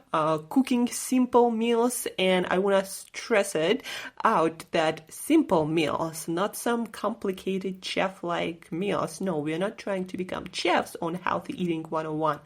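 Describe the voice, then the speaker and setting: A woman hosting her own nutrition podcast, talking casually and enthusiastically, with a few slips and restarts. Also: medium pitch. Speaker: podcast host and nutrition coach. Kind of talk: casual solo podcast talk.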